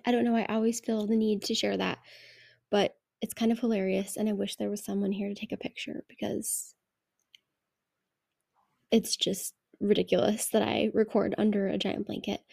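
A woman's voice: fairly high pitch, gravelly, a little mellow, dry recording, clean studio sound. A woman hosting a casual podcast, recording herself under a giant blanket on her bed, nasal from a cold, chatty and rambling with little laughs. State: has a cold, sounds nasal. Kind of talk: casual solo podcast chat.

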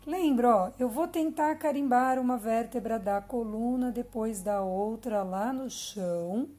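A Brazilian woman speaking as a yoga teacher in a calm, instructive manner. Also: a little high, a little slow. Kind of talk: guided yoga class.

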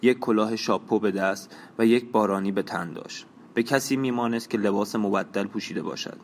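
A man narrating a novel in a steady, measured reading, now and then adding brief casual asides. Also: fairly low pitch, a little hiss or hum. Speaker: audiobook narrator.

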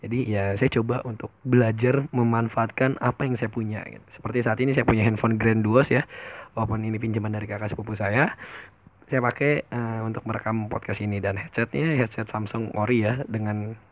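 A man's voice: lowish voice, steady tone, brisk, highs cut off. A young man in his twenties talks through a first homemade podcast episode, casual and meandering. He stops and restarts often, sliding between slangy and polite speech. It is recorded on a phone with a headset mic in a room at his family's home. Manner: rambling, many fillers and restarts, mixes casual and polite speech. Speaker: podcast host. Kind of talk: casual solo podcast monologue.

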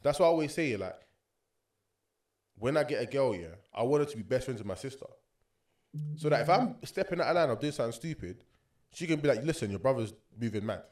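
Here a young man with a roadman London accent talks casually on a podcast as co-host, opinionated and slangy, tacking on tag questions the way street talkers do. The voice is mid-range and darkish, animated and a little fast, with frequent pauses.

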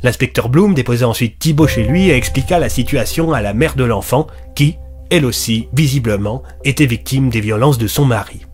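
A man narrating a scripted audio story in steady storytelling fashion, with faint music behind. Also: medium pitch, a little fast.

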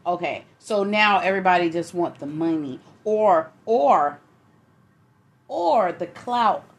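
A woman's voice: on the low side, expressive, slow. A woman with a New York accent co-hosting a podcast, frank and profane, often cutting in with apologies. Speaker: podcast co-host. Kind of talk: casual chat.

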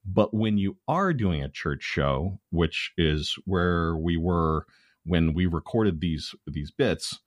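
A man's voice: sits low, expressive, slow, no room sound, clean studio sound. A man, a guest comedian on a podcast, rambling along in casual chat with plenty of filler sounds.

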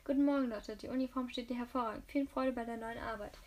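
A woman's voice: fairly high pitch, steady tone, quick pace, darkish tone, natural voice. A woman voicing an elderly, wealthy widow who speaks in a formal, clipped way. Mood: anxious.

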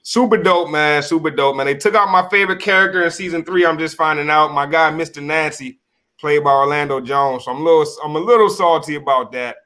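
A man with a fairly high, bright voice chats as a podcast panelist. He speaks in relaxed slang and repeats phrases for emphasis. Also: quick pace. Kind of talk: casual chat.

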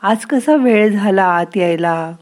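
A woman voicing the narrator's own mind as a gentle, wise inner voice that coaxes and softly scolds. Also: mid-range voice, expressive, takes it slowly. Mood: gently coaxing.

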